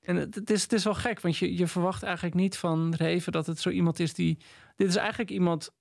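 A man's voice: sits high, fairly even intonation, fast talker, creaky, no room sound, studio quality. A man with a Dutch accent, co-hosting a podcast and thinking aloud in a casual book discussion. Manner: thoughtful, hesitant with fillers and restarts. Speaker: podcast co-host.

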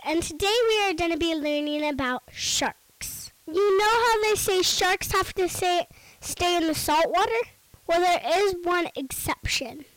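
A woman's voice: extremely high pitch, a bit bright, dry recording, rough recording. A young girl presenting a short scripted fun-fact segment on a podcast. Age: child.

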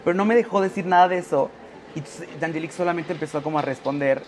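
A man's voice: on the high side, fast talker, noisy background. A man with a Mexican accent telling a gossip story as a guest on a live talk show, acting out the quoted voices in it. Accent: Mexican Spanish. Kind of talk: casual chat.

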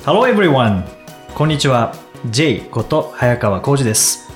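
A man's voice: mid-range voice, measured pace, music in the background. A man hosting a language-learning podcast, chatting casually and explaining with examples. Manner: lively. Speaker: podcast host and English teacher. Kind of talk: casual chat.

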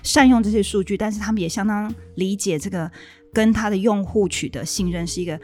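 A woman's voice: mid-range voice, a little fast, mellow, soft background music. A woman from Taiwan, a guest lawyer explaining things in a matter-of-fact way in a casual podcast chat.

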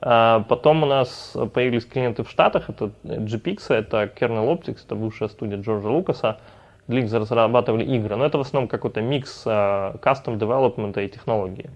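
Here a founder-CEO guest on a podcast speaks a little fast in a mid-range voice, rambling casually with many restarts and filler words. The recording is muffled.

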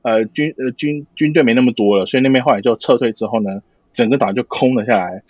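A man from Matsu with a Taiwanese Mandarin accent, explaining things casually in a halting way with repeated words. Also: mid-range voice, a little mellow, husky, no room sound. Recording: dull lo-fi sound, dry.

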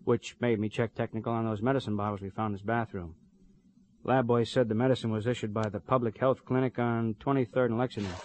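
An actor voices a cheerful middle-aged police partner who jokes and chatters easily. His voice sits at a middle pitch. It is a 1950s radio drama. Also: fairly even intonation, fast talker, a little mellow, natural voice. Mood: chatty. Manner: chatty, joking, talkative.

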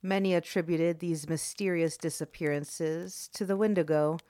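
Low-voiced woman, ominous horror host. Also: steady tone, normal speed, dark tone, no room sound. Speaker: host of an eerie folklore series. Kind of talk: horror host narration, scripted.

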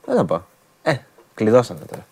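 A man's voice: mid-range voice, wildly swooping pitch, gravelly, breathy edge. A man co-hosting a sports radio show, chatting casually and teasing his partner. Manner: laid-back, teasing, laughs often.

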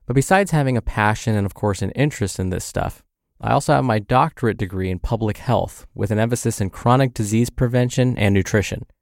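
A man with a fairly low voice presents health advice in an upbeat, orderly way. He addresses the listener directly, like a host working through a prepared script. The sound is close and very dry, with hardly any room in it. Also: a little fast, creaky, dry recording. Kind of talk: scripted advice podcast narration.

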